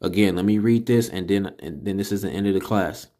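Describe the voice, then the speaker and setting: A man with a Californian accent teaching a spoken Hebrew pronunciation lesson, emphatic and repeating syllables slowly. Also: low-pitched, warm tone.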